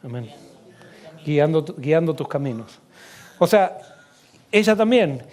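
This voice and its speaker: A middle-aged man, a pastor, telling a personal story in a sermon and dropping his voice low and soft for quoted dialogue. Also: animated, slow pace.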